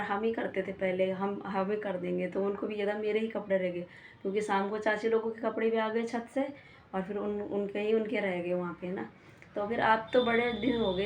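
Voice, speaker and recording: A young woman with a Pahadi Hindi accent, chatting casually as she retells a quarrel with a neighbour, full of "I said" asides. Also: medium pitch. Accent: Uttarakhand Pahadi Hindi. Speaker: vlogger. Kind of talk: casual storytelling to camera. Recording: echoey room with faint background noise.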